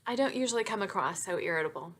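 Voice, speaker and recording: A woman's voice: medium pitch, lively intonation, racing, a bit bright, a little hiss or hum, close to an everyday voice. A woman author voicing a snippy, teasing young heroine in a romance novel reading. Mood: apologetic. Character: sharp-tongued young woman, a witty liberal.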